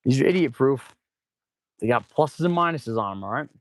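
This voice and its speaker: A man's voice: medium pitch, expressive, normal speed, no room sound. A man livestreaming casually as he works as a mechanic, rambling informally, breathing heavily through his mouth with a stuffy nose. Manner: audible heavy mouth breathing; rambling, informal, addresses viewers as "man" and "guys". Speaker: livestream host and auto shop mechanic. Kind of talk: casual livestream chat while working.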